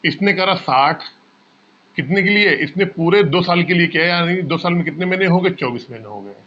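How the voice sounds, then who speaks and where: A male maths teacher works through exam problems step by step, posing questions and answering them himself while calling his students "bhaiya." His voice sits high and steady, fairly bright, at a normal speed. The recording is lo-fi with a little hiss or hum.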